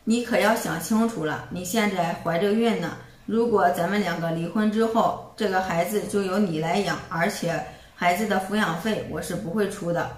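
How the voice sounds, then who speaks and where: A woman's voice: mid-range voice, normal speed, hardly any pauses, reverberant, recorded from a distance, natural voice. A woman voicing a selfish, calculating young husband in her own plain voice, dismissive in tone.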